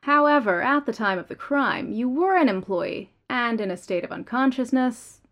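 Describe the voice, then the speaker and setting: A woman reading the lines of a male corporate lawyer in an audiobook, formal and deliberate. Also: a little high, lively intonation, muffled recording, voice pushed up, natural voice. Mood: measured. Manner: formal, deliberate legal phrasing.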